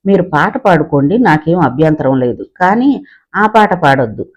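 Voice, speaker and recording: A man voicing a bold, sharp-tongued young woman who talks curtly and scolds. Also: fairly high pitch, lively intonation, moderate pace. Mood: stern. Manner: curt, scolding.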